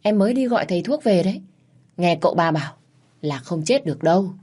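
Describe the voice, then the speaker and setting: A woman voicing an eager young female servant girl in a spoken story, gossiping in a hushed, excited way. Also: on the low side, fast talker, slightly rough.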